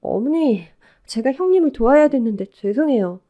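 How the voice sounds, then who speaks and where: A woman's voice: high-pitched, expressive, normal speed, phone-quality sound. A woman voicing a polite young daughter-in-law who narrates her story in a radio drama. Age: young adult.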